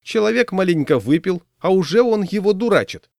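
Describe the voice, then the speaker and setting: Man doing an old woman, nosy, reproachful, raised high voice, lively. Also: a little fast, creaky, no room sound, studio quality. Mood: disapproving.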